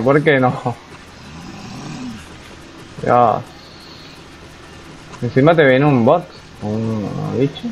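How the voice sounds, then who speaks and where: A man's voice: medium pitch, a little hiss or hum, low-quality recording. A young man, commenting casually on a survival game as he plays and reacting aloud to what happens on screen. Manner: chatty, reacts aloud to the game, talks to himself. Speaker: gaming YouTuber. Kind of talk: casual let's-play commentary.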